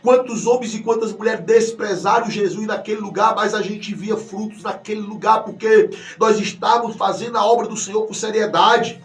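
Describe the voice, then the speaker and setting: A Brazilian man preaching an impassioned sermon as a pastor. He swings between hushed passages and shouted ones. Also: sits high, steady tone, normal speed, few pauses. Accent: Brazilian Portuguese. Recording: echoey hall, mic at a distance, faint music.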